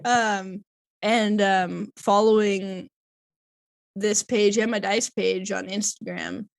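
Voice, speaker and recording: A woman's voice: mid-range voice, fairly even intonation, slow, creaky, no echo. A woman co-hosting a podcast in casual chat, rambling and laughing often. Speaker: podcast co-host.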